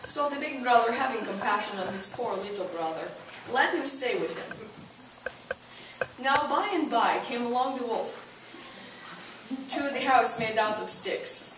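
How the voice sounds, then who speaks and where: A woman's voice: on the high side, expressive, unhurried. A woman telling a comic fairy tale on stage at a church talent night, with wry asides, recorded from far off in an echoey hall with noise behind. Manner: wry asides, laughs at own jokes. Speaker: talent show performer.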